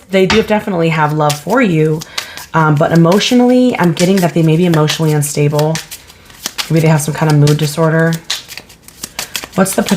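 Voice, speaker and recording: A woman's voice: deep voice, noisy background. A woman giving a casual pick-a-card tarot reading, chatty and thinking aloud as she asks spirit questions. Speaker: tarot reader.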